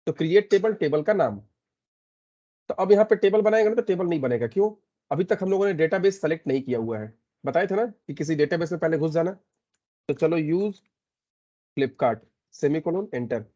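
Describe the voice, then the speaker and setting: A man teaching a programming lesson, explaining step by step and often checking in with a quick "okay". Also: sits high, warm tone, dull audio. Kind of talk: screen-recorded coding lesson.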